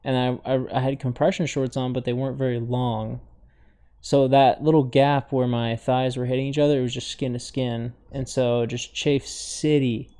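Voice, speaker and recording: A man's voice: mid-range voice, flat delivery, moderate pace, warm tone, clean tone. A young man co-hosting a podcast, telling stories in a laid-back, joking way full of fillers. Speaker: podcast co-host. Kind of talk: casual chat.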